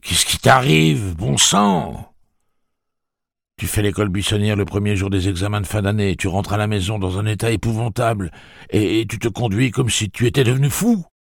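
A man's voice: medium pitch, brisk, few pauses, fairly bright tone, no echo, studio quality, pitched above the performer's own voice, natural voice. A man voicing a blustering, angry father. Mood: pleading. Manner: blustering, scolding, raised voice.

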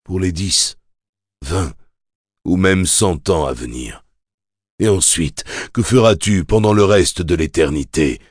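A man voicing a weary, lonely old gunslinger who speaks low and mournfully in an audiobook. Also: lively intonation, a little slow, darkish tone, husky, no room sound, studio quality, heavily acted. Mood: bitter. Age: older.

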